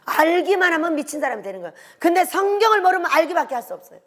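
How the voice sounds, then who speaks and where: An older woman preaching a sermon with strong emotion, swinging between loud exhortation and hushed whispers and asking the congregation rhetorical questions. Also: extremely high pitch, sing-song, racing.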